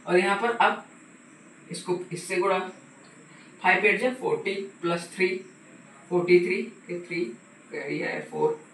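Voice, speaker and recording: A man's voice: high voice, unhurried, pauses often, fairly bright tone, a little hiss or hum. Man, math tutor, patient and repetitive, echoey room, distant mic. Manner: patient, repeats "ठीक है" and asks the viewer questions. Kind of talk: casual step-by-step math lesson.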